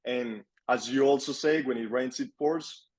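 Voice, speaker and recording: Chatting casually as an interview guest, a young Colombian agency owner speaks in a mid-range, slightly rough voice at a measured pace. His manner is relaxed, and he repeats words for emphasis.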